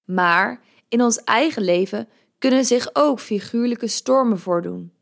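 A woman hosting a podcast, reading a devotional in a gentle, measured way. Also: a little high, gravelly. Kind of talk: calm scripted devotional reading.

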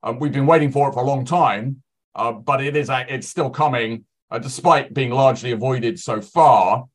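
Mid-pitched man giving market commentary. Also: normal speed. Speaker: financial analyst guest.

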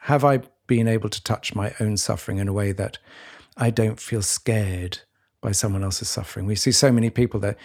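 Gravelly, husky man speaking reflectively. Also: fairly low pitch, steady tone, a little mellow. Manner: halting and searching, with many restarts. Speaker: podcast co-host. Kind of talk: reflective conversation.

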